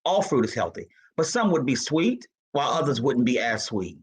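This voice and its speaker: A man's voice: medium pitch, very animated, moderate pace, breathy edge. A man moderating a church panel, playful and teasing as he talks. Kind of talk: casual church panel talk. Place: church event room.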